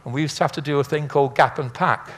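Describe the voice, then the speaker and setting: An older man who used to work as an air traffic controller lectures informally over illustrations, chatty and anecdotal, wandering from point to point with dry humour. His voice is on the high side, steady in tone, fast, and a touch bright.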